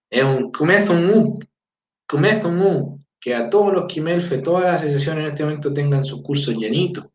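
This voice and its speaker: A Chilean man teaching his language in casual talk, checking in with listeners and reading out greetings. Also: mid-range voice. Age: adult with a four-year-old daughter. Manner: conversational, fillers, frequent "¿ya?" checks. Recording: roomy, distant, dull lo-fi sound.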